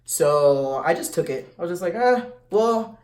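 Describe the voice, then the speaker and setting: Blunt, animated young man vlogging. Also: a little high, normal speed. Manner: animated, blunt, slangy, with frequent restarts. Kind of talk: casual advice vlog. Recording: echoey room.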